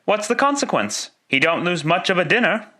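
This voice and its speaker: A man acts out a good-natured young gentleman in a classic radio drama. His voice is bright and raised, full of hearty cheer. He talks with animated, amused warmth. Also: sits high, brisk, pitched above the performer's own voice, heavily acted. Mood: amused, pitying.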